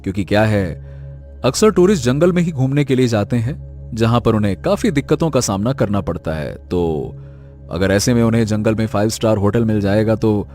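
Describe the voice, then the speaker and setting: Aryan, a driven young businessman in a storybook audio drama, as a man puts him on, talks with a lively, swinging intonation. He is insistent and impatient. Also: fairly low pitch, fairly quick, soft background music, natural voice. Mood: persuasive.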